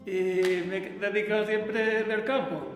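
A man, talking haltingly with many fillers about his life in the countryside. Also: high-pitched, little pitch movement, fairly bright tone, faint music behind. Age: 70s. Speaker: interviewee, farmer. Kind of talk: reminiscing interview. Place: room at home. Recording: echoey room with long reverb.

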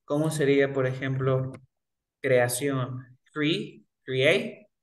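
In a one-on-one English pronunciation lesson, a young, medium-pitched male teacher patiently drills words at a slow pace, saying them again and again.

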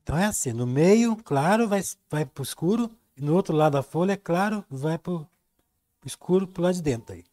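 Brazilian male painting teacher, talkative storyteller, mellow tone. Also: fairly high pitch, animated, fairly quick. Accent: Brazilian Portuguese. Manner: chatty, storytelling, reads viewer comments. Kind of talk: live-stream painting lesson.

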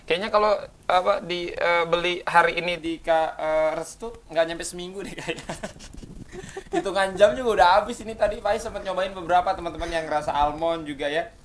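A man's voice: high voice, a little fast, a little hiss or hum. A man hosting a casual interview chat, teasing and chatty, with many hesitant fillers. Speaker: host.

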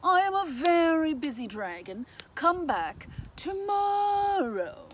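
A pompous storybook dragon played by a woman reading aloud, boastful and dismissive. The words are drawn out grandly, with big swings in a high-set voice. Some faint noise sits behind it. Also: big pitch swings, slow, full character voice. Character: boastful, busy male dragon, brushing off visitors.

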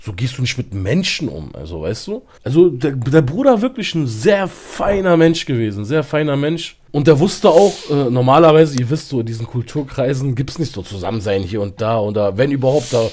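Male streamer, casual storyteller, very animated and slangy, mid-range voice with plenty of movement. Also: medium pitch, brisk, few pauses. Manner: slangy and animated, lots of fillers.

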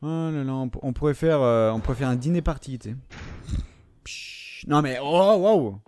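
Joking, swearing young French gamer. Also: male voice, medium pitch, animated, normal speed, darkish tone, no room sound. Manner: joking, swearing, talks to the viewers and the game. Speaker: gaming commentator. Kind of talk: let's play commentary.

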